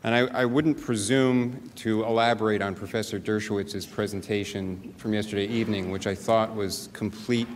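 Low-voiced male lawyer in an echoing chamber. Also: fairly even intonation, moderate pace, hardly any pauses. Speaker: lawyer addressing the Senate. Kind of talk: formal legal argument speech. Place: large indoor legislative chamber. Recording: echoey hall, some background noise.

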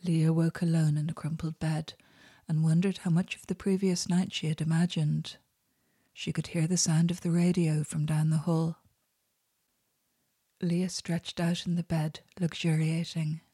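A woman narrating an audiobook in a soft, unhurried, intimate way. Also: low-pitched, level tone, slightly rough, no room sound, studio quality.

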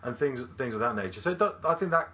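A man co-hosting a film review podcast, with a bright, forceful tone at a middling pitch. He talks hesitantly, hedging each point with fillers as he works out his view. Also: animated, fast. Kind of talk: casual chat.

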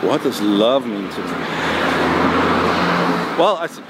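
A man answering interview questions in a relaxed, hesitant way, with many ums and restarts. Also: mid-range voice, slow pace. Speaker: music producer guest. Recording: noisy background.

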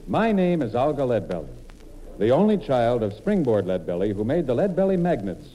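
Heard on a noisy old radio broadcast, this comedian and monologist tells a scripted comic story with mock earnestness. His mid-range, mellow voice swings widely in pitch and runs a little fast.

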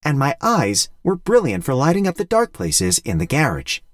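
A man voicing a small, cheerful male robot who talks in a gentle, thoughtful way, a little higher than his own voice. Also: wildly swooping pitch, moderate pace, no room sound, studio quality. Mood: earnest.

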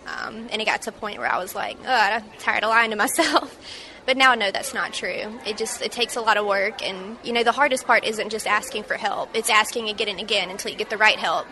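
Young woman, bright voice, halting. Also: mid-range voice, a little hiss or hum. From Mississippi. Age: 20s. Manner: halting, reflective, many fillers. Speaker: interview guest. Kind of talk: personal testimony interview.

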